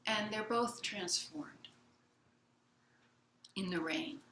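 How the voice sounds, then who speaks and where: A woman Zen teacher giving a gentle, unhurried dharma talk in a meditation hall, retelling a children's picture book for her listeners. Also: medium pitch, slight background noise. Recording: roomy hall sound.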